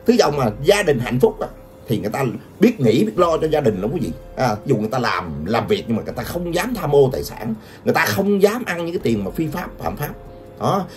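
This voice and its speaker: Older woman, taunting gossip vlog, very lively pitch. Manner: taunting, laughs often, addresses viewers constantly. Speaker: gossip vlogger. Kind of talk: mocking gossip commentary. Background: background music.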